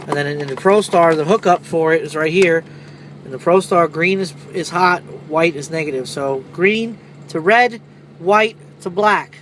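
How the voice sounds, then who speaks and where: A truck driver with a high-pitched, slightly bright voice presents a how-to video from inside his parked semi truck cab. He rambles informally, with some salty language, and the recording carries clearly noisy vehicle ambience.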